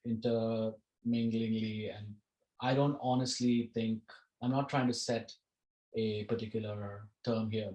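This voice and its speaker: A man's voice: medium pitch, darkish tone. Guy teaching an online class, chatty lecture, pretty echoey room on a video call. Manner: conversational, restarts phrases. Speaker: course instructor.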